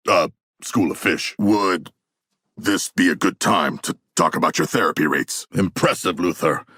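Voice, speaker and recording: A man playing a hulking, earnest shark warrior in a video game, speaking in stilted, grandiose, formal phrases with a gravelly, rough voice. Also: deep voice, measured pace, sharp tone, no echo, studio quality, full character voice. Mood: measured, earnest. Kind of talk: video game character voice lines.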